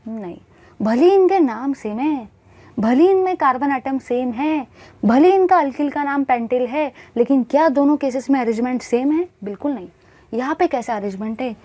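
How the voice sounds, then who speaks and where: High-voiced woman teaching chemistry. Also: lively intonation, normal speed, mellow. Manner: repeats questions and answers them herself, coaxing; addresses students as bhai and guys. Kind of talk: classroom lecture to students.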